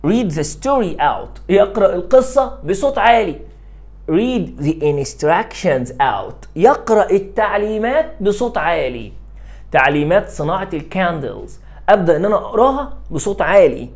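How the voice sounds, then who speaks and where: A man with an Egyptian accent explaining an English lesson to children, drilling each word by slow repetition and cheering his pupils on. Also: high voice, big pitch swings. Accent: Egyptian Arabic. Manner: drills words by repeating them slowly and encouraging pupils. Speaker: English teacher.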